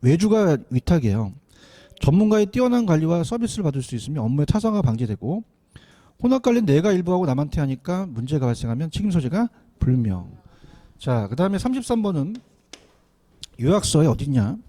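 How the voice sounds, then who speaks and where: A man giving an exam prep lecture, animated, often asking students to repeat after him. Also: fairly high pitch, brisk. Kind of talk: classroom lecture.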